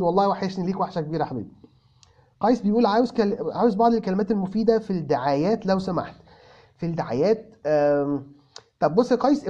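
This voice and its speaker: An Egyptian man talks fast and casually, answering viewers by name and mixing Arabic with English phrases. His voice sits high but sounds dark and mellow. The recording is dull and lo-fi, made in a car. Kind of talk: casual chat.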